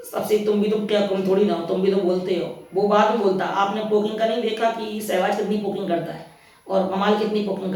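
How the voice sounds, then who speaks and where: A man's voice: high-pitched, darkish tone, recorded from a distance. A man reviewing a reality TV episode in casual talk. He rambles and retells scenes in his own words, often resetting with "anyway.". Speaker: reality show commentator. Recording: very echoey room, voice off-mic.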